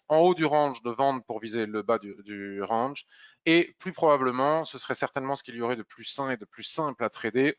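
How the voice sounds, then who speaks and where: A man talks through trading charts in a loose, chatty way, often pausing with fillers. His mid-pitched voice comes through a dry, slightly dull mic with no room sound. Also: a bit bright, no room sound. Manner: chatty, hesitant with many "euh" fillers. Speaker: market analyst. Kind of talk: screen-share market review.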